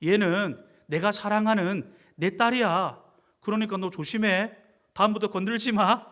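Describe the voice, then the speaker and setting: A man's voice: high voice, measured pace, a bit bright. A man voicing a stern father who scolds the boys who bullied his child. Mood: scolding. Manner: scolding, blunt.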